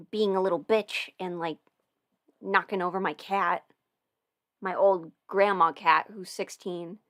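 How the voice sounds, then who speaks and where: This woman's voice sits on the lower side and has a slightly bright quality. She's a voice performer running a casual livestream indoors at her home desk, fielding viewer questions and thinking out loud in an informal way.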